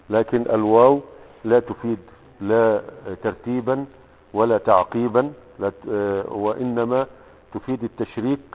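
Egyptian man teaching over tinny radio. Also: fairly low pitch. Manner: patient, explanatory, asks and answers his own questions, frequent hesitations. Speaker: teacher of Arabic grammar. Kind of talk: explaining a grammar lesson. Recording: tinny radio broadcast with long reverb.

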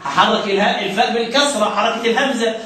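A man with an Egyptian Arabic accent teaching Quran recitation rules step by step, questioning his student and drawing out recited verses slowly. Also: sits high, bright, forceful tone. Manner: questioning, step-by-step explaining, slow drawn-out recitation. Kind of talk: tajweed lesson with a student. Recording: very echoey room, mic far off.

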